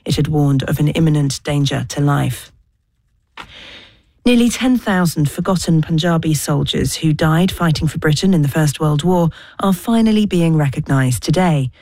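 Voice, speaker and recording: A woman with a very low voice reads a scripted news bulletin. The sound is close and dry, with no room echo. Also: moderate pace, warm tone. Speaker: newsreader.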